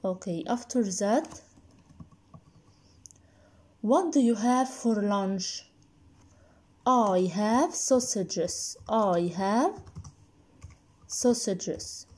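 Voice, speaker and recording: Slow, patient woman teaching English. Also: on the high side, darkish tone. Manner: patient, has pupils repeat after her. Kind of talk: slow, repetitive drilling for young pupils. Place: indoors at a laptop desk, voice-over on screen recording.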